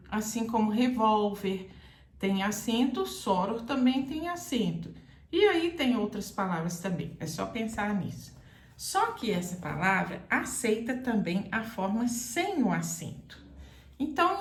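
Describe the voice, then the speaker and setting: A woman Portuguese teacher giving a careful, explanatory grammar lesson straight to the viewer. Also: medium pitch. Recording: echoey room.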